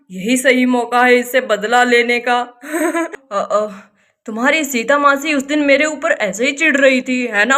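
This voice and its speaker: A sly village uncle plots his revenge in a doll story, voiced by a woman. His voice sits fairly high, and he talks in a slow, scheming way. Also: fairly bright tone. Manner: sly, plotting.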